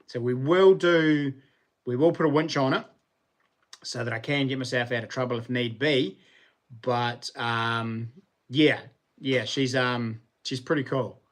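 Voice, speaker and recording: A man with a New Zealand accent hosts a casual livestream in a medium-pitched voice. He rambles along informally, using plenty of relaxed slang as he chats to his viewers. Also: unhurried. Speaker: livestream host.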